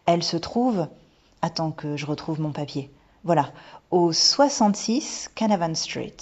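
A woman's voice: low voice, expressive, unhurried, breathy edge, heavily acted. A woman doing a playful, teasing mother. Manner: warm, teasing, mysterious. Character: gentle playful mother with a secret. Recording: dull lo-fi recording.

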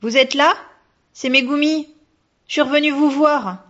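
A woman voicing an eager, polite little girl who speaks high and bright. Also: lively intonation, normal speed, breathy edge. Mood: calling out. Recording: dull lo-fi recording.

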